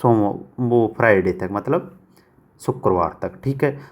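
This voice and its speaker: A man teaching English grammar for exam prep in Hindi, who asks questions and answers them himself and reads example sentences out slowly, word by word. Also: lowish voice. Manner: asks and answers his own questions, repeats answers.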